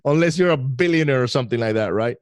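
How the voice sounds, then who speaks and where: A middle-aged man from Venezuela telling his story as a guest, animated and laughing now and then. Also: mid-range voice, fast talker, no echo. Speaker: podcast guest. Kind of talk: casual interview storytelling.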